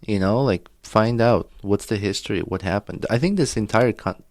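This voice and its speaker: A man born in Azerbaijan co-hosting a podcast, talking in an opinionated, halting way with many restarts. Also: on the low side, a little mellow, no room sound, clean studio sound. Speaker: podcast co-host. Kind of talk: casual chat.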